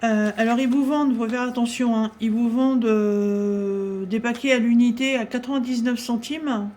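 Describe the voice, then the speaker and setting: A woman chatting casually through a craft-supply haul, talking with many pauses and fillers. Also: a little high, steady tone, a little mellow.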